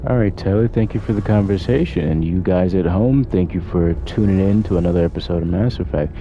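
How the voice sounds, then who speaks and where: Casting: male gaming host, deep and very mellow, low-key casual commentary, halting phrasing. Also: lo-fi sound, slight background noise. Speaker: video game streamer.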